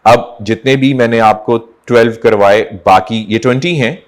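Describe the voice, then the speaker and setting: A male teacher lecturing on English vocabulary, explaining in Hindi and reading English examples slowly and deliberately. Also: medium pitch. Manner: explains in Urdu-Hindi mixed with slow, drawn-out English examples. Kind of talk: recorded classroom lecture.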